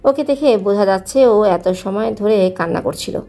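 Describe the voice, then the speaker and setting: Young woman narrator, mellow timbre, steady story reading. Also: mid-range voice, moderate pace.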